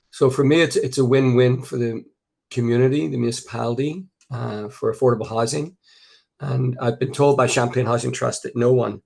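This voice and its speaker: A man's voice: medium pitch, creaky, a little mellow. A man presenting remotely to a town board over an internet call that keeps breaking up, speaking earnestly with frequent hesitations. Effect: choppy internet call audio breaking up. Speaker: housing nonprofit representative.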